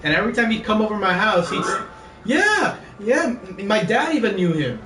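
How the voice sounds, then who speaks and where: Laughing a lot as he games, a young man rambles through a story, imitating his friends' lines. His high voice swings widely in pitch at a fairly quick pace, captured in a distant, roomy recording with faint background noise.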